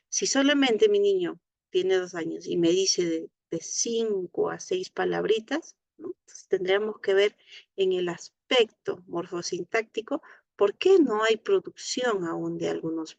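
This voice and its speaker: A woman's voice: lowish voice, creaky, darkish tone, no room sound. A woman teaching an online class on speech therapy, explaining patiently and checking in often with a questioning tag. She has a Latin American Spanish accent. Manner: explains slowly, frequent tag "¿no?".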